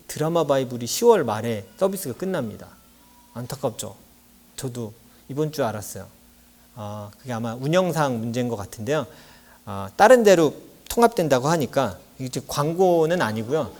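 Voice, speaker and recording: A man's voice: a little high, darkish tone. A man preaching as a pastor in a church, talking animatedly and acting out quoted lines with a raised voice. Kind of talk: sermon.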